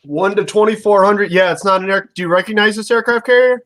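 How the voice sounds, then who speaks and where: A man in his early thirties ribs his friends in relaxed, profane banter. His voice sits a little high for a man. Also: quick pace, dry recording. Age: 30s. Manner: teasing and profane. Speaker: tabletop gaming group member. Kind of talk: casual chat.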